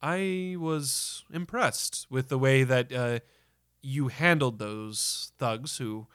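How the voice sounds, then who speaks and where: A man puts on a smooth, sly theater director who chooses his words with care and a touch of theatre. The voice is resonant and clean, recorded close and dry, with no room around it. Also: medium pitch, slow pace, a bit bright, dry recording. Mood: courteous.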